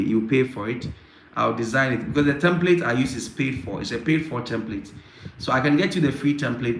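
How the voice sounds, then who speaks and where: A man from Africa hosting a casual live Q&A, answering viewer questions in a halting way with frequent fillers and repetitions. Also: mid-range voice, fairly bright tone. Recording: roomy echo, faint background noise.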